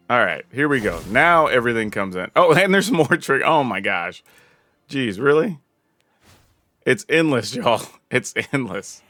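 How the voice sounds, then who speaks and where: This gameplay commentator, a man from the American South, speaks in a lowish voice with no echo. He comments casually on his card game, musing aloud and getting excited when big plays land.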